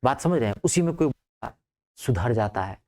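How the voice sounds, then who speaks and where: Male teacher, mid-pitched voice, swinging from high questions to low answers, lesson delivery. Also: expressive, normal speed, darkish tone. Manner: explains step by step, often asks "clear?"; voice rises and falls a lot, drops low to answer his own questions. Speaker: math teacher. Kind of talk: lively classroom math lesson.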